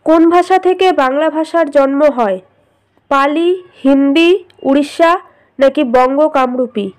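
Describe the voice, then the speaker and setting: High-voiced woman reading quiz answers. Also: a little slow. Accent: Bengali. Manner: reads each multiple-choice question, lists options, then states the answer. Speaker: exam prep teacher.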